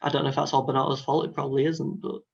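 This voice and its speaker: Brief: young podcaster, flat delivery, rambling chat, muffled sound. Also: male voice, mid-range voice, rapid-fire, creaky, slightly rough. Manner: rambling, lots of "you know". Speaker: podcast co-host. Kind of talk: casual chat. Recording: dull lo-fi audio.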